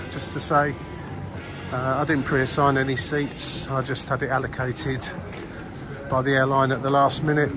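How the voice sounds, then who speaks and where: Chatty man, music behind him. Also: mid-range voice. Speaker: travel vlogger. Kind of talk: casual travel vlog commentary.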